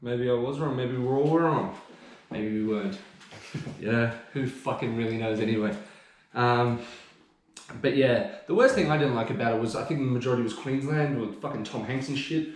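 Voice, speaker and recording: A man chats casually on a podcast, rambling from point to point and swearing freely. His voice sits at an ordinary middle pitch, with a strong echo from the room around him. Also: darkish tone. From Australia. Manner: swearing, laid-back, rambling. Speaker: podcast co-host. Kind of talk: casual chat.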